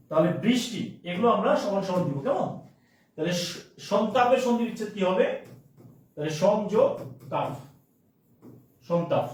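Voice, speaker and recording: A man teaching an online grammar class, repeating each word and often checking that students follow. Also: high voice. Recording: very echoey room, distant mic.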